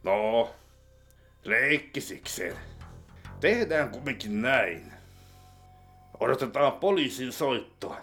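A man voicing a scheming male boss with a gun, talking low, slow and deadpan. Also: faint music behind.

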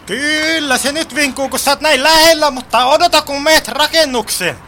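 A man's voice: very high-pitched, bright, forceful tone, slight background noise, pitched above the performer's own voice, exaggerated voice. A man voicing a smug, fussy scheming gang boss in an amateur comic radio play, bossy and over-explaining.

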